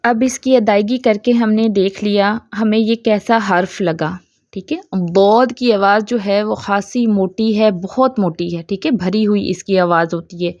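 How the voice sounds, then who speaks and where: A woman teaching Quran pronunciation, explaining a diagram, often checking in and demonstrating sounds slowly over and over. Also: medium pitch, darkish tone, no room sound, studio quality. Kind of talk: tajweed lesson explaining a diagram.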